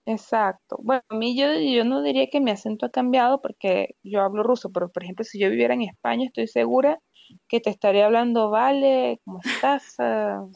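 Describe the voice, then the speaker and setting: A woman from Venezuela with a Venezuelan accent, chatting casually as a guest and telling stories with lively asides. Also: on the high side, fast talker, creaky, no room sound, highs cut off. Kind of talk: casual conversation.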